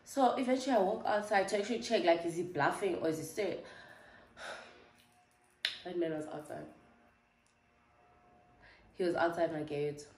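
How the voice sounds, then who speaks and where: A South African woman in her twenties tells a story in a chatty, filler-heavy vlog style. Her voice sits somewhat low for a woman. The room around her is echoey. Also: normal speed, pauses often, a little hiss or hum. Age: 20s. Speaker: vlogger. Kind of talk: casual storytime chat.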